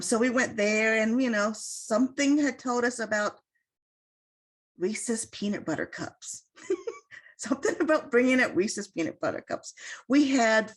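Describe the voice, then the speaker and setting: A middle-aged woman guest speaker telling a story in a casual, chatty way on an online call, with many fillers and quoted asides. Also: a little high. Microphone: online video call.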